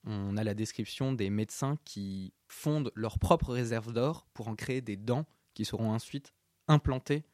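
A male radio guest who explains a passage and then reads from a novel in a calm, measured way. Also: medium pitch, no echo, studio quality. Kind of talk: reading a novel aloud.

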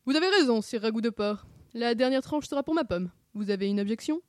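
A woman voicing a goofy, cowardly young man in a storybook reading, loud and excitable. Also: fast, dry recording, clean studio sound, lightly acted. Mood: smug. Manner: loud, excitable, shrill when scared. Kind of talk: storybook read-aloud.

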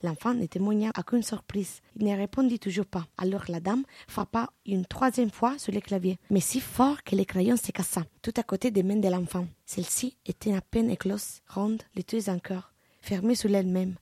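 Mellow, husky woman narrating a novel. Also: medium pitch, no room sound, clean studio sound. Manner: measured, even literary reading.

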